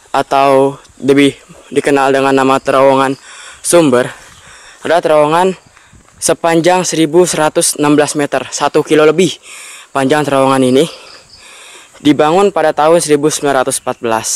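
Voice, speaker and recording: A man's voice: a little high, steady tone, moderate pace, long pauses, clean tone. A man hosts an on-location travel vlog, explaining things and repeating facts for emphasis. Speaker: vlog host. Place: outdoors by a railway tunnel mouth in forested hills.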